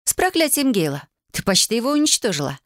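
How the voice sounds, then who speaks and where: Brash, hot-tempered witch, teasing and a bit higher, read by a woman. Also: very animated, no room sound, clean studio sound. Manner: teasing, breezy, quick to yell. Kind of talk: audiobook character voice.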